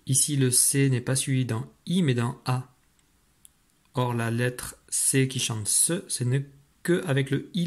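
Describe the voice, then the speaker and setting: A man's voice: medium pitch, husky. A primary school teacher, a man, leading a patient spelling dictation lesson and talking directly to the pupil. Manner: patient, explains step by step, addresses the pupil directly.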